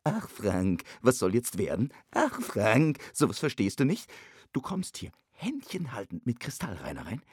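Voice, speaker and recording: A man's voice: mid-range voice, wildly swooping pitch, unhurried, husky, dry recording, studio quality, voice pushed down, full character voice. A man playing a jealous, furious young man. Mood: sarcastic. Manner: agitated, shouting, swearing. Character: hot-tempered young man, jealous and hurt.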